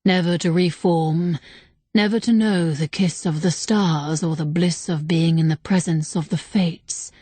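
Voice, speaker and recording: A woman voicing an ancient male temple spirit who speaks calmly and with regret, in an audiobook reading. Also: lowish voice, husky, no echo. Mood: calm regretful. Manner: calm, regretful, unhurried. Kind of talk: audiobook character voice.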